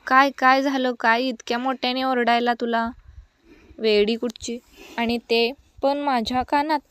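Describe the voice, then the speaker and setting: A woman voicing a flustered, lovestruck young male college student in a read-aloud story, in her own smooth voice. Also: a little high, fairly even intonation, a little slow, close to an everyday voice. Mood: annoyed.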